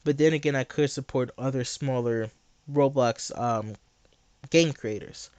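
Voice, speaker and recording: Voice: medium pitch, measured pace, darkish tone, clear, resonant tone, no echo. A teenage live streamer chatting and debating bluntly and casually while chewing gum. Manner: blunt, argumentative.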